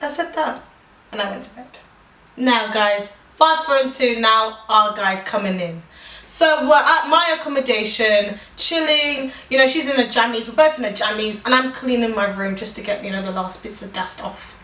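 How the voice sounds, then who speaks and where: Young woman, bright high register, lively co-host spinning a story, recorded at a distance in an echoey room. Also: moderate pace. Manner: animated, acts out quoted lines, laughs often. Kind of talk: casual storytime chat.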